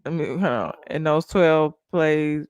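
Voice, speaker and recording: Loud animated woman hosting a chat. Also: deep voice, a little slow, clean tone, dry recording, dull audio. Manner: loud, animated, swears and laughs. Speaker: host. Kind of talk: casual livestream chat.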